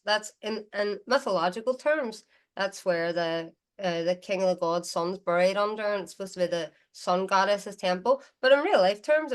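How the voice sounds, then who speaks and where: A woman with a Derry accent from Northern Ireland, telling stories casually as an interview guest. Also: medium pitch. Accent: Derry, Northern Irish. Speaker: guest musician. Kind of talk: casual chatty storytelling.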